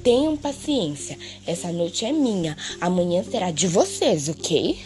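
A woman voicing a sinister old male vampire count who speaks slowly and with polite menace in a storybook reading. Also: fairly low pitch, big pitch swings, darkish tone, soft background music. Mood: calm menace.

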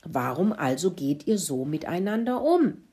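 A woman voicing a wise, stern male tomcat in a children's story who lectures the others, husky voice. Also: low voice, very animated, unhurried, dark tone, exaggerated voice. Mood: scolding.

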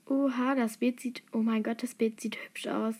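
A young woman casually reading an online quiz aloud, excitable and giggly, sometimes dropping into whispers. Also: on the high side, normal speed, background noise.

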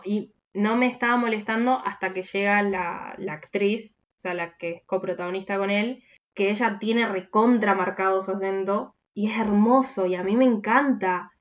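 A woman with a Rioplatense Spanish accent chats her way through a podcast conversation, rambling and restarting mid-thought and dropping into softer asides. The recording sounds a little dull and lo-fi, with her voice sitting in a middle register. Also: medium pitch. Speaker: podcast co-host. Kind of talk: casual chat.

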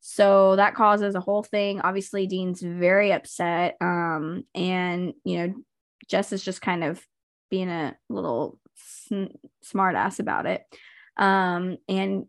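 A woman's voice: fairly low pitch, fairly even intonation, slow pace, dry recording, studio quality. A woman hosting a podcast, recapping TV episodes in a chatty, rambling way, full of ums and likes. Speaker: podcast host.

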